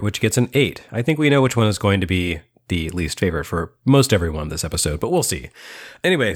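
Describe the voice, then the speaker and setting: A man hosting a podcast over a remote call, rambling cheerfully and poking fun at himself. His voice sits at an ordinary middle pitch, and he breaks into laughs often. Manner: chatty, self-mocking, laughs often. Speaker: podcast host. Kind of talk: casual chat.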